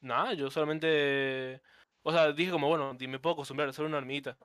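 A man's voice: fairly high pitch, fairly even intonation, quick pace, a bit bright, clean tone, no echo, studio quality. A man co-hosting a podcast, rambling casually and often restarting his sentences. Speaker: podcast co-host. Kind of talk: casual chat.

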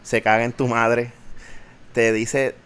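A man's voice: medium pitch, flat delivery, slow, fairly bright tone, clean tone. A young man with a Puerto Rican accent hosting a podcast, ranting animatedly, swearing and mixing English into his Spanish. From Puerto Rico. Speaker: podcast host. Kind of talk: casual podcast chat.

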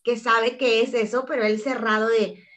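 A woman's voice: fairly high pitch, flat delivery, normal speed, a bit bright. A woman with a Mexican accent telling an interviewer a personal story in an earnest, emotional way, often acting out what others said. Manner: earnest, emotional retelling that acts out quoted dialogue. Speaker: interview guest.

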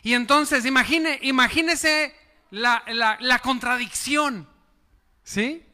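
Preaching slowly in a large hall, this pastor has an extremely high, sharp voice. He draws his congregation into call-and-response, having them echo his words and clap.

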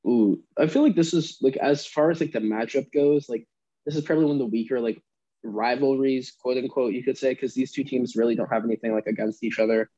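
A man's voice: mid-range voice, brisk, warm tone. A young American man co-hosting a casual sports chat, giving his picks, on dull lo-fi audio. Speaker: sports talk co-host.

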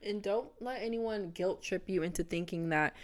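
A woman's voice: mid-range voice, normal speed. A woman co-hosting a podcast who chimes in with teasing asides and playful slang in casual chat. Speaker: podcast co-host.

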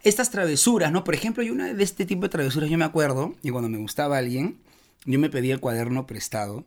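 A man's voice: on the high side, fast talker. A man hosting a podcast in casual chat, playful and teasing, telling stories. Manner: playful, teasing, animated storytelling. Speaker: podcast host.

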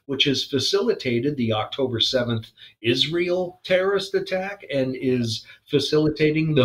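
A man's voice: a little high, a bit bright, rough recording. Exasperated man on a political podcast. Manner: exasperated, rhetorical questions, joking. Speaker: podcast co-host. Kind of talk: casual political chat.

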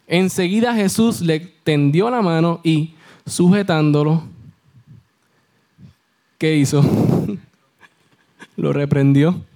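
Young Puerto Rican male youth preacher, mellow voice pitched a bit high, animated storyteller who keeps asking his congregation questions. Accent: Puerto Rican Spanish. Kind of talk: sermon.

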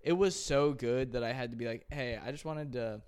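A man's voice: medium pitch, brisk, darkish tone, clean tone. A man co-hosting a casual comedy podcast, joking and rambling, often breaking into laughter. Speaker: podcast co-host. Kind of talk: casual chat.

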